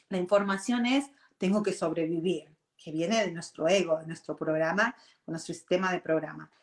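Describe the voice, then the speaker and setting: A woman talks through her feelings and meditation practice to listeners. Her voice sits low for a woman, and she doubles back and restarts her phrases. The room around her is echoey. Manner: earnest, restless, restarts phrases often, checks in with "ok?"; mixes in English words. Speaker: meditation and self-growth speaker. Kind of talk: reflective personal talk to an audience. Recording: roomy echo.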